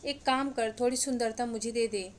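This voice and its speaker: A woman's voice: a little high, normal speed, a little hiss or hum, natural voice. A woman doing a teasing, chatty best friend.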